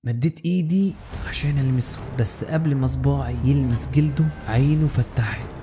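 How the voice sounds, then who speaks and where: A man's voice: medium pitch, a little fast, music in the background. A man with an Egyptian accent telling a first-person horror story in a tense, scripted narration. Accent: Egyptian Arabic.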